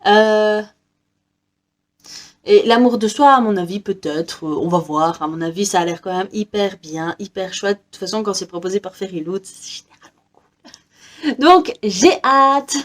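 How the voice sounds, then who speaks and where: A woman's voice: mid-range voice, moderate pace. A young woman from Belgium chatting casually about her reading list, hesitant with many fillers and frequent small laughs. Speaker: book vlogger. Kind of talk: casual book haul chat.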